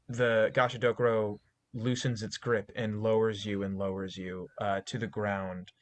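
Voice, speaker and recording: A man narrating a tabletop horror game as game master, talking haltingly with many fillers and self-corrections. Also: fairly low pitch.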